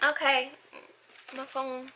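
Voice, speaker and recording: Bright-voiced young woman rambling about books. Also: sits high, little pitch movement, slow, a little hiss or hum. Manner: rambling, gushing, swears freely. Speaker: book vlogger. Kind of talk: casual reading vlog.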